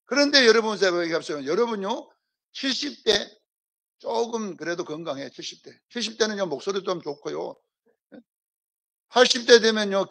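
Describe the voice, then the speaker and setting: A senior pastor with a high, gravelly, somewhat bright voice delivers a sermon at a church service. He preaches emphatically, asks rhetorical questions, and keeps prompting the congregation to respond.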